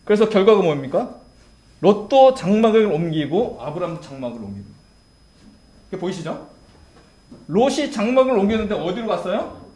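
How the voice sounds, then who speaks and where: Male pastor, high and lively voice, preaching, poses questions and answers them. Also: normal speed, pauses often. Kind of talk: sermon.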